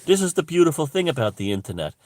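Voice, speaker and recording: A man's voice: on the high side, sing-song, fast, darkish tone, dry recording, clean studio sound. An Irish man giving an unscripted, opinionated monologue, speaking emphatically with swearing and broken restarts. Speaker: commentator.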